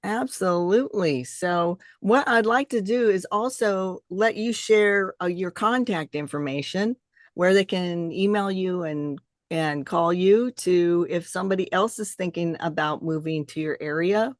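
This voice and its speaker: Older woman host, lowish voice. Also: a little slow, no room sound, clean studio sound. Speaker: interview host. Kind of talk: casual interview chat.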